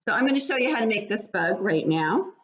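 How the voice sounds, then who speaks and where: A little fast and expressive, an older woman with a mid-range voice gives plain, step-by-step instructions for a children's craft, much like a preschool educator. The recording comes from a webcam about arm's length away in her living room, sounding dull with a little hiss or hum.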